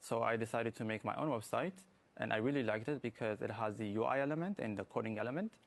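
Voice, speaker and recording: A young man who grew up in Ethiopia, a student guest in a morning TV interview, speaking haltingly with many fillers. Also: mid-range voice, vocal fry. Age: young adult. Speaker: guest, student app developer.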